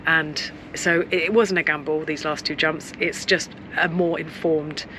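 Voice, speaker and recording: A woman's voice: low-pitched, fairly even intonation, unhurried, sharp tone. Woman, earnest and rambling, casual vlog chat, noisy boat recording. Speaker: vlogger, sailing family mother. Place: sailboat.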